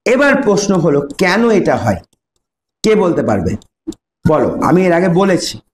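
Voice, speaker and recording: Male teacher, high lively delivery, slow and drawn out, faint room hum. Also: roomy sound. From Bengal. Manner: drawn-out, sing-song stretching of key words, asks pupils questions. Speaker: English teacher. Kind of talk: classroom lesson explaining grammar.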